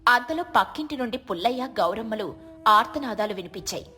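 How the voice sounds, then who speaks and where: A woman giving calm, clear, scripted storybook narration for an animated moral tale. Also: on the high side, a little fast, soft background music.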